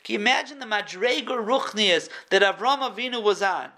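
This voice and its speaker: A man teaching a Torah class in an animated way, acting out the quotes he tells. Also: high-pitched, brisk.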